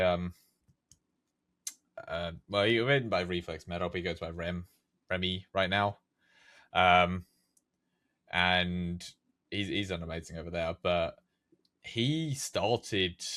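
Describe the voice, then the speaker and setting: A young man with a low, slightly bright voice chats casually as a podcast guest who creates game maps. His talk rambles, full of fillers and restarts.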